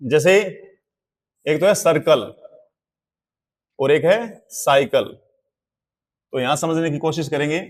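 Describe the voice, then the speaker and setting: Man, teacher, unhurried lesson, spells words out, higher-pitched voice. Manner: deliberate, repeats examples and spells words letter by letter. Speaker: English pronunciation teacher. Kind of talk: slow classroom-style explanation.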